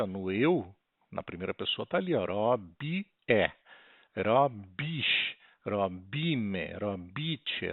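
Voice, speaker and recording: Male Brazilian Portuguese language teacher, patient, deliberate delivery; dry, phone-like audio. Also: medium pitch, gravelly, husky, dry recording. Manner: slow, explanatory, spells out words carefully. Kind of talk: recorded online lesson. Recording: tinny, lo-fi and dry.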